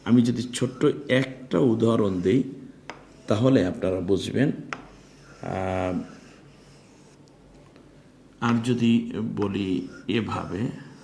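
A middle-aged man teaching an online Quran class, explaining pronunciation and repeating letter sounds slowly and with emphasis. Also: on the low side, creaky, mellow, a little hiss or hum.

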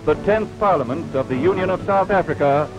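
Old 1950s newsreel guy, formal narration, kinda high voice, muffled lo-fi sound. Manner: formal, measured commentary. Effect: old 1950s newsreel recording. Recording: dull lo-fi newsreel sound with music. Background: music.

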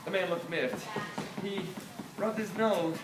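A middle-aged man from Delaware in the United States, a children's author, reads his own storybook aloud in a small toy shop, pausing dramatically as if for young listeners, his voice sitting high. A phone camera a few metres away captures it, so the sound is roomy, distant and noisy.

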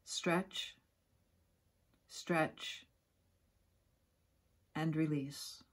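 In a soft, breathy, soothing voice that sits low with a steady tone, a woman leads a yoga nidra relaxation. She offers gentle instructions separated by long pauses in this guided meditation.

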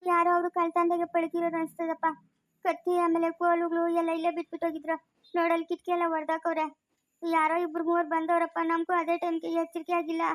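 A woman's voice: extremely high pitch, monotone, quick pace, no room sound, clean studio sound. A woman doing an anxious young village man. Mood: worried. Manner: urgent, pleading.

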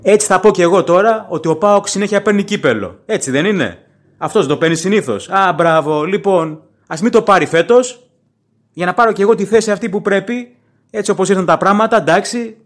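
A man with a fairly high-pitched voice hosts his own football fan podcast. He talks on his own in a casual, opinionated way, rambling from point to point and saying things plainly. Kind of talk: casual solo podcast commentary.

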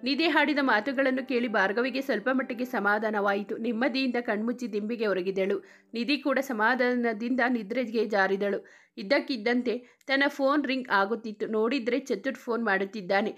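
A woman's voice: fairly high pitch, fairly quick, soft background music. Woman narrating a story. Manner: steady reading, names each speaker before lines.

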